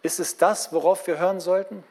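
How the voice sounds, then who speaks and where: A man preaching a sermon in a lively, conversational way, asking his listeners questions. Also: high voice, a little fast.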